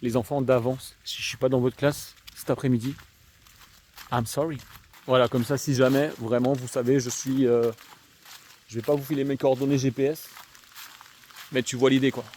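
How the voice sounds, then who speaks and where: A man's voice: medium pitch, flat delivery, moderate pace, pauses often, a little mellow. A young man with an Alsatian accent, chatting slangily to viewers while out on a countryside walk. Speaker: vlogger; schoolteacher. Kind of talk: casual rambling monologue while walking. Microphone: handheld camera. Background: faint outdoor noise, rain.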